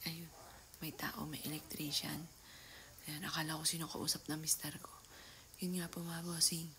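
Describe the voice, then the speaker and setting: A middle-aged woman with a fairly low voice tells a casual vlog story at home. She talks softly, often close to a whisper, and now and then breaks into loud calls. Clear background noise from the room is heard behind her. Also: flat delivery, normal speed. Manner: soft-spoken, often half-whispered, bursting into loud calls. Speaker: vlogger. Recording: noisy home ambience.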